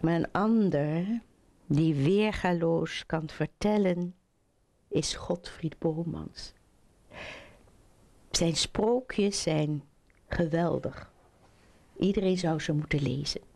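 A woman reading children's stories aloud in an expressive, animated storytelling manner. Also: deep voice, slow, pauses often.

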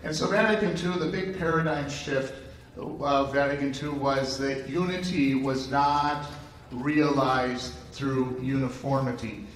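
An older man, a Jesuit priest, giving an animated lecture with many ums and restarts into a handheld mic. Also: medium pitch, a little slow, a little hiss or hum. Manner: animated, gestures widely, many fillers and restarts. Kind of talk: conference lecture. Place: large conference room with audience. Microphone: handheld microphone, far camera. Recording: echoey hall, heard from far off.

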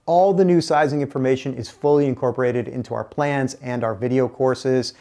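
A man's voice: medium pitch, steady tone, a little fast, mellow. A middle-aged man hosting his own channel, giving an earnest scripted update to camera with a lapel mic in an indoor workshop. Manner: earnest, gestures with both hands while explaining. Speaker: kayak builder and channel host. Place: indoor workshop with a canoe and curtain.

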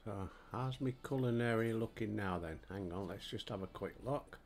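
A fairly low-pitched man speaking at normal speed, he's an older gaming streamer from Yorkshire, England, with the accent to match. He offers relaxed, casual commentary to himself and his viewers, recorded on a headset mic at home.

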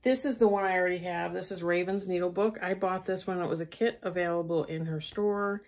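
A woman's voice: lowish voice, fairly even intonation, a little fast, a little mellow. Chatty woman hosting a craft vlog. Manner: chatty, rambling, with frequent ums and restarts. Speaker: craft channel host. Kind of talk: casual stitching vlog chat.

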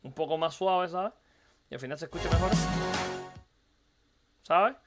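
A man with a Cuban Spanish accent, slightly hoarse, giving animated, teasing live-stream commentary on a viewer's video, repeating himself and throwing out questions. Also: a little high, a little slow, loud music behind the voice. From Cuba. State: hoarse from recording the night before.

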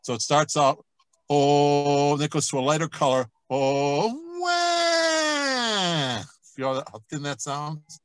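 Guy voice coach doing vocal warm ups, explains then sings the vowels, dry close sound. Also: fairly high pitch, little pitch movement, fairly quick, no room sound, low-quality recording. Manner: explains, then demonstrates sung vowels and scales.

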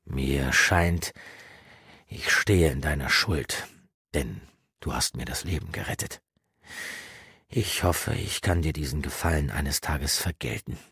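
A man voicing a gruff, guarded older male mentor in an audiobook, speaking in a grave, lecturing way with a husky voice. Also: very deep voice, takes it slowly, pauses often, sharp tone, dry recording, clean studio sound, heavily acted. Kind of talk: audiobook character reading.

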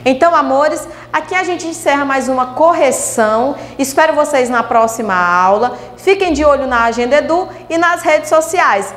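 A woman teaching a recorded class, explaining slowly and sounding out syllables, checking in with her students as she goes. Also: sits high. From Brazil. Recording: echoey room with long reverb.

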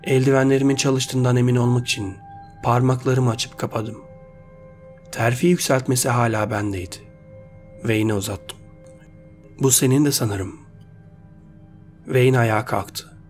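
A man reading out a sci-fi short story as its narrator, in a steady, measured voice. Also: mid-range voice. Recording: faint background music.

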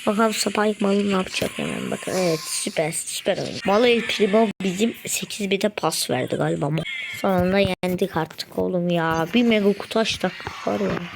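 A woman giving gameplay commentary to her viewers while opening rewards, quickly getting frustrated and excited. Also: medium pitch, creaky, background noise. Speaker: mobile game streamer.

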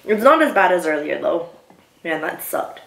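A young woman chatting casually as she eats on her video, pausing, her mouth burning from spicy food. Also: on the low side, very animated, gravelly, heavy background noise. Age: young adult. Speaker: mukbang video host. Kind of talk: casual chat while eating. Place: small room indoors. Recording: echoey room, distant camera mic.

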